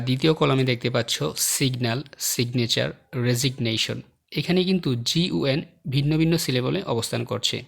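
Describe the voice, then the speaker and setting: A man's voice: medium pitch, creaky. A man teaching a slide-based lesson, reading example words one by one and explaining the rules, with clicking behind him. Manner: slow, word-by-word example reading. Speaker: English teacher.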